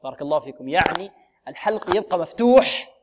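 Male tajweed teacher, slightly high voice, drills students word by word with slow repeated examples. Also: animated, noisy background. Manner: drills pronunciation, repeats words slowly, asks students questions. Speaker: Quran recitation teacher. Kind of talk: tajweed lesson with recited examples.

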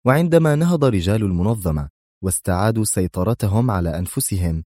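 Male storyteller, lively dramatic thriller reading, dry close sound. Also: fairly low pitch, fast, no room sound. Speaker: narrator. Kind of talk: dramatic audiobook narration.

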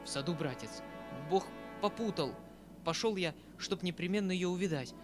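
An excitable elderly country gentleman, voiced by a male reader in an audiobook, exclaiming in a loud, urgent voice that sits fairly high. Soft music plays underneath. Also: normal speed. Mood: troubled. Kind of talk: audiobook character voice.

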